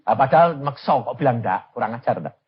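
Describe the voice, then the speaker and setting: A man with a Javanese-influenced Indonesian accent preaching a storytelling sermon, humorous and animated, acting out dialogue. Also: mid-range voice, fast, breathy edge, highs cut off. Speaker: evangelist preacher.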